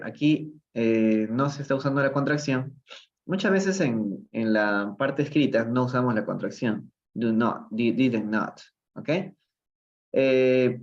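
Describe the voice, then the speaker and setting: A man with a Peruvian Spanish accent teaching English live online, explaining step by step and asking questions of the chat. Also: mid-range voice. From Peru. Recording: slightly dull, lo-fi livestream audio.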